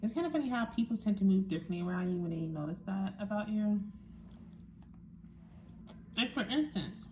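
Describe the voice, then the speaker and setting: A woman's voice: mid-range voice, expressive, brisk, long pauses, a little mellow, a little hiss or hum. A young woman chatting casually to her viewers, talking while she eats, frank and musing. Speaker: vlogger. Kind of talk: casual chat to camera.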